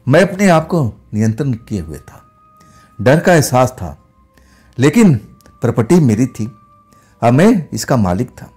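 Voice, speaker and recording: A man telling a first-person ghost story in a dramatic, suspenseful way, often dropping to hushed tones. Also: medium pitch, sing-song, a little slow, pauses often, husky, faint music behind. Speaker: horror storyteller.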